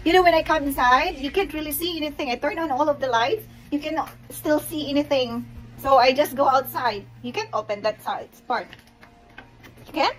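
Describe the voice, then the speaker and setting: A woman's voice: sits high, moderate pace, fairly bright tone. A woman from the Philippines, vlogging on a handheld phone at home, shaken and scared and exclaiming often. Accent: Filipino. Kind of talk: casual vlog, filmed by phone. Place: at home and just outside the house. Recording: noisy phone recording.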